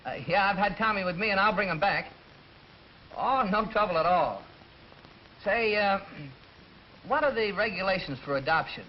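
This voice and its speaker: An actor playing a brash, quarrelsome navy chief gunner's mate in an old film. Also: male voice, high-pitched, moderate pace, long pauses, close to an everyday voice. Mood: pleading. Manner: brash, argumentative. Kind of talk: 1940s film acting. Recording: dull old film soundtrack with hiss.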